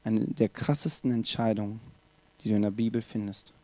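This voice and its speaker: A man's voice: fairly low pitch, little pitch movement, a little fast, mellow. A man preaching a sermon, speaking emphatically and addressing the listener directly with rhetorical questions.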